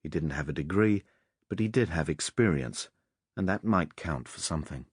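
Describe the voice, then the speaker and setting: Man narrating an audiobook, deep voice, lively intonation, dry close recording. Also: moderate pace, slightly rough, no room sound.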